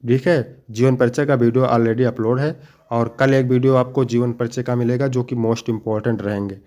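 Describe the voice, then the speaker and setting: A young male teacher patiently walks through exam questions one by one. He explains each answer step by step, slows down to stress the most important points, and speaks to his students with fond familiarity. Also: medium pitch, steady tone, dark tone. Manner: addresses students fondly. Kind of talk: exam-prep lesson.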